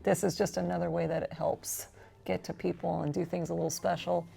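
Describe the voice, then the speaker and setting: A woman's voice: on the low side, little pitch movement, a little fast, vocal fry, breathy edge. A woman co-hosting a casual question-and-answer chat, talking in a chatty, giggly way. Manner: chatty, giggly, warm banter. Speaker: co-host.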